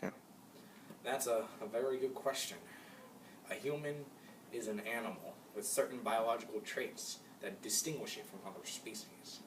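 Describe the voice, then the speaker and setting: A young man playing a calm male moral philosopher in a class-project mock debate, reading his lines a bit stiffly with some hesitations. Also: fairly low pitch, moderate pace, natural voice. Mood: plain. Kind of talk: amateur class-project role-play. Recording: echoey room, mic far off, noisy.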